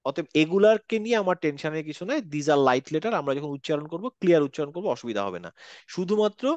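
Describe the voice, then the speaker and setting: A man's voice: a little high, lively intonation, fast, a little mellow, dry recording, dull audio. Man teaching letter sounds, dry close mic. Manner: explanatory, repeats letter sounds, mixes in English words. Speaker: Quran recitation teacher. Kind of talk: online class lesson.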